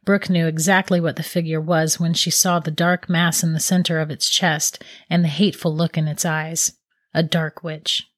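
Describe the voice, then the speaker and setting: Calm woman narrating a fairy tale. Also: low-pitched, moderate pace, no echo, studio quality. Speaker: storyteller. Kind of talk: scripted narration.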